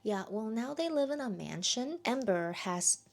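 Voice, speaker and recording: Young woman, casual book vlogger, a little gravelly, chatty with asides. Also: fairly high pitch, moderate pace. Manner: chatty, animated asides to her pet. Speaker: book reviewer. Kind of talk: casual book review vlog.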